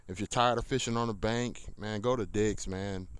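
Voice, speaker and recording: Here an American hobby fisherman with a lowish, steady, clear and resonant voice talks at a normal speed while casually rambling through his kayak gear, unscripted and folksy. Recorded on a handheld tablet that moves toward and away from him, the sound is noisy with shifting mic distance.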